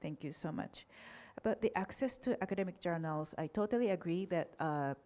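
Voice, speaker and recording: At an academic conference, a native Japanese-speaking woman fields audience questions politely and in a measured way, using many fillers. She speaks on the low side, animated and a little mellow.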